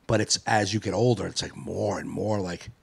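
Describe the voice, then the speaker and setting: A podcast host in his late forties chats casually in a low, creaky, husky voice at a moderate pace. His talk rambles, turns profane, and drifts into reflection.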